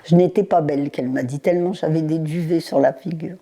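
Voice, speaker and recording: Interviewee, woman in her nineties, low, mellow voice, halting, unhurried recollection. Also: steady tone. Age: 90s. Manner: halting, with pauses, fillers and repeated words. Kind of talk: recalling her childhood in an interview.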